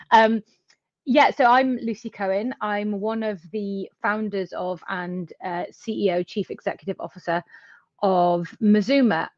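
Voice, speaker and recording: A middle-aged British woman, a native English speaker who is a company founder and CEO, chats as an interview guest while explaining things. Her mid-range voice is a little mellow, with no room sound, and the audio is dull and slightly lo-fi.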